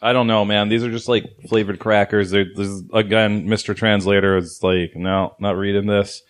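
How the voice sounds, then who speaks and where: A man's voice: on the low side, little pitch movement, a little fast. A man hosting a casual snack review, rambling and laughing between swears. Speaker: host.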